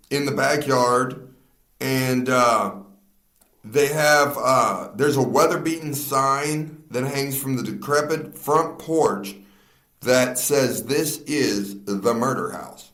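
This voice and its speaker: A man chatting on a podcast, taking his time as he reads through a story. His pitch jumps around a lot and he breaks into laughter when he trips over a word. The room is echoey. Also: fairly bright tone. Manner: laughs often, slips on words and restarts. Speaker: podcast host. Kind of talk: casual chat, reading a true crime story.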